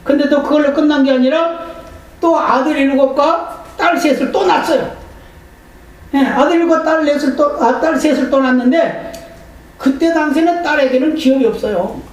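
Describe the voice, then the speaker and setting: A man's voice: very high voice, moderate pace. A male pastor preaches in a church sanctuary, telling the story with animation and voicing the people in it. He is heard from a distance, and his voice rings through a large, very echoey hall. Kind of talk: sermon.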